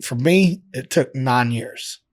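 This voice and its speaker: A man imitating a huge, soft-spoken male fighter with a lisp and a higher voice, giving blunt advice. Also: takes it slowly, natural voice. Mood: plain.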